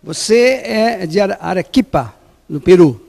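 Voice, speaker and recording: A man's voice: high-pitched, lively intonation, measured pace, creaky, darkish tone, long reverb tail. A male TV host asking interview questions in an upbeat, emphatic way.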